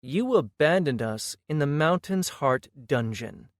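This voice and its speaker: A man's voice: on the high side, animated, a little slow, dry recording, studio quality. A man voicing an indignant young adventurer. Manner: tense, indignant. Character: angry young male human adventurer. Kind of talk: audiobook character voice.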